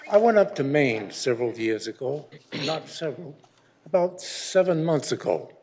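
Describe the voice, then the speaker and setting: A man in his eighties delivers a rambling, grumbling public comment at a city council meeting, often restarting his sentences. His voice is on the high side, animated, a little mellow, and moderately paced, with a little hiss or hum.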